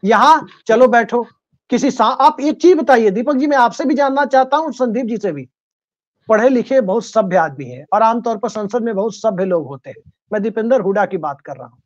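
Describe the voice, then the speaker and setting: A man's voice: sits high, animated, fairly quick, darkish tone, highs cut off. A man speaking as a political commentator on a panel, arguing his case with folk idioms and rhetorical questions.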